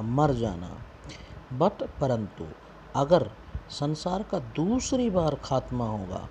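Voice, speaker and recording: Slow, animated man teaching. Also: mid-range voice, slight background noise. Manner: slow, reads English lines then explains in Hindi, quizzes students. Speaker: English teacher. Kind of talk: explaining a poem to students.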